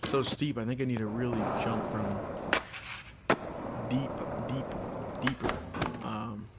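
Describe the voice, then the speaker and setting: A man chewing gum as he gives rambling, halting, casual commentary on a live game stream. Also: medium pitch, steady tone. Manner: chewing gum while talking; rambling, halting, thinking aloud. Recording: loud background noise with clicking.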